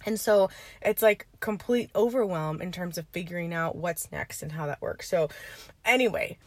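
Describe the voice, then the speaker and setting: A woman's voice: lowish voice, normal speed, darkish tone, dry recording. A woman hosting a podcast and rambling casually while sitting in her parked car, laughing now and then. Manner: rambling, chatty, laughs often. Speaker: podcast host and coach. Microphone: informal setup, no computer.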